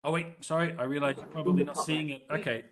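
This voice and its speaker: A man's voice: a little high, fairly even intonation, fast, slight background noise. A man presenting a live webinar over a headset mic, talking to the audience in a conversational way and running live polls.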